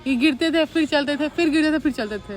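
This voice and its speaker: A woman's voice: high-pitched, quick pace, soft background music. A young woman, playing an older sister who coaxes and scolds over and over in a family skit. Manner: coaxing, scolding, repeating herself.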